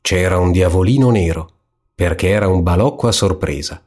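A man reading a fairy tale aloud in a calm, measured storytelling manner. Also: low-pitched, slightly rough. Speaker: narrator.

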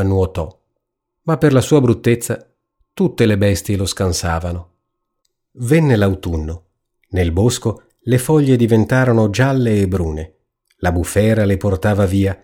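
Male fairy-tale narrator, low husky voice, calm and measured. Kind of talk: storybook reading.

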